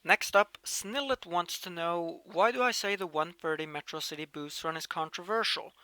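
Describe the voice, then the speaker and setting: Fielding viewer questions as a channel host, this late-teen man from Norway keeps things casual and chatty, often restarting phrases and punching words with sudden emphasis. His high-pitched voice moves at a moderate pace, its volume shifting lively, and the recording has no echo.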